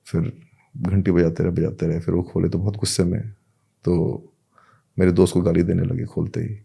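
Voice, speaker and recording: A man's voice: low voice, level tone, moderate pace, vocal fry, warm tone, husky. A man, a podcast guest, casually telling a personal anecdote and acting out the back-and-forth of what people said. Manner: retells events with many quoted exchanges.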